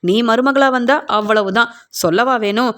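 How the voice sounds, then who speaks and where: A woman's voice: on the high side, moderate pace, a bit bright, close to an everyday voice. A woman voicing a stern older man who heads the family, speaking firmly and scolding. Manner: firm, scolding.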